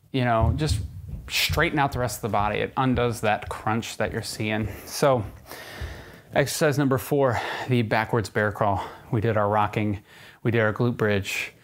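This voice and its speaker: A young man, a fitness coach, talks casually as he demonstrates a crawling exercise in a carpeted living room, recorded by a camera a few meters off. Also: on the low side.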